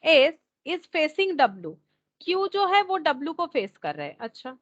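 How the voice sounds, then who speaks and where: A woman's voice: high-pitched, very animated, slow pace, lo-fi sound. A woman teacher working through a test question step by step, thinking aloud and repeating each point, with English terms mixed into her talk. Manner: mixes English terms into Hindi. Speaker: reasoning teacher.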